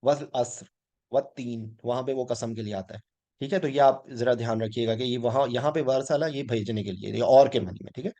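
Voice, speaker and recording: A man's voice: mid-range voice, brisk, warm tone. A man teaching a weekly Quran class, patiently explaining grammar and often checking "ठीक है?" as he mixes in English words.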